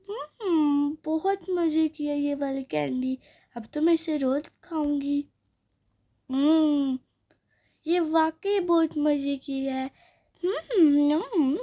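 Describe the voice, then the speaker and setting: A woman's voice: high-pitched, slow, dark tone. A woman voicing a young girl doll who loves candy, talking in a childish way with munching sounds, in a doll play story. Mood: greedy.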